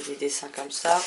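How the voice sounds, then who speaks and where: A woman vlogger chats casually about the books she has bought, rambling and hesitating a lot in this book haul. Her voice is fairly low in pitch, and the background is noisy.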